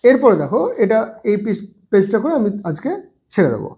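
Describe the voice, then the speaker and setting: Guy teaching kids english grammar, slow and repetitive, kinda dark mellow voice. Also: high-pitched, big pitch swings, slightly rough. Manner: slow, spells words letter by letter; repeats phrases for drilling. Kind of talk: bilingual grammar lesson.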